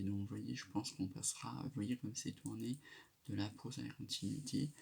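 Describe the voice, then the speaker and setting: A man giving a quiet, whispered late-night tarot reading in a hushed, gravelly voice. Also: mid-range voice. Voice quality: gravelly, creaky. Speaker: tarot card reader. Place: indoors at night. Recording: noisy amateur live recording with clicks.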